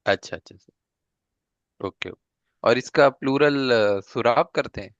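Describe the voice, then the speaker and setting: A man's voice: medium pitch, no room sound. Polite hesitant male student. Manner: polite, hesitant, many acknowledgements. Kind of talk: asking questions in a class. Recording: dull dry online-call audio.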